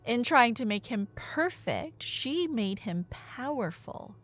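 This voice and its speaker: An animated, high-voiced woman rambles slowly through a myth in a one-sided audio roleplay, performing as a chatty nerdy girlfriend excitedly retelling Greek myths. She's nerdy and playful, full of asides and mock-indignant bickering with an unheard listener.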